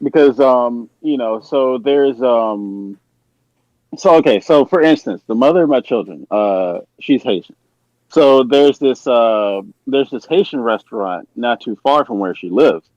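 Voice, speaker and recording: An American man of medium pitch chats casually on a podcast, sounding animated and a little mellow as he rambles and searches for words at a measured pace. The recording is dry with no echo but slightly muffled.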